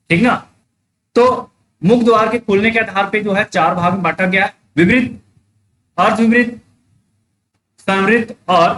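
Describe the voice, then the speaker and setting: A man with a fairly high voice teaches a live online exam-prep class. He explains each point step by step, repeats it, and checks that his students are following. A faint background hiss runs under his voice. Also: a bit bright.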